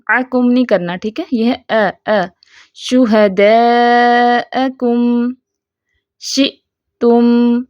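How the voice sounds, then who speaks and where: A woman's voice: fairly high pitch, a little mellow, lo-fi sound. A woman teaching a Quran pronunciation lesson, patiently explaining step by step and checking in often with her students. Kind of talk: tajweed lesson.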